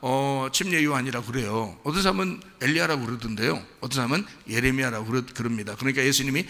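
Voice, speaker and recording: Pastor guy preaching, bright gravelly voice, talks back and forth with the church, big hall echo. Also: mid-range voice, fast. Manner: conversational, asks the congregation questions. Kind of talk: sermon. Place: church sanctuary.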